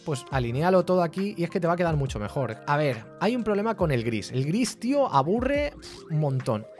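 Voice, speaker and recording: A man talks through a casual live stream in a somewhat high voice that jumps around animatedly. He is blunt and joking, tossing in colloquial interjections, with faint music playing underneath. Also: darkish tone. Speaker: streamer reviewing web portfolios.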